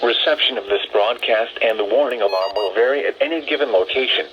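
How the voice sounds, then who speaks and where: A male announcer reads an automated weather alert test, pacing each county name evenly. His pitch sits at a middling, ordinary level. The broadcast comes through with a clear layer of radio hiss and static behind it. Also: lo-fi sound. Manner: measured, even reading of place lists.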